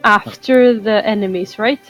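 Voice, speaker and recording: A woman's voice: mid-range voice, a little slow, lo-fi sound, faint music behind. A woman playing a tabletop game, chatty and thinking aloud about her moves. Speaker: player. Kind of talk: casual tabletop game chat.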